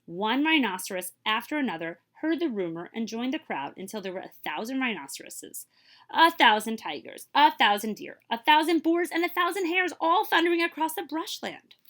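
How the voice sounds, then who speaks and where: With a mid-range voice, a woman playing a librarian reads a story to children. She adds expressive, dramatic emphasis and stops to ask her little listeners questions.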